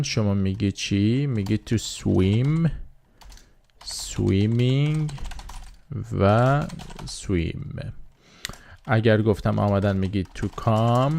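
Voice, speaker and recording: Man, language teacher, gravelly, lowish voice, patient repetition. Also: a little mellow. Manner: slow drilling repetition of words, patient explaining. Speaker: English teacher. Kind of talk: beginner language lesson.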